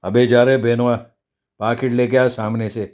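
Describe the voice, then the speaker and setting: A man's voice: mid-range voice, level tone, a little mellow, lightly acted. A man voicing a swaggering young street tough who orders people about in slangy talk. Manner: slow, cocky, slangy bossing.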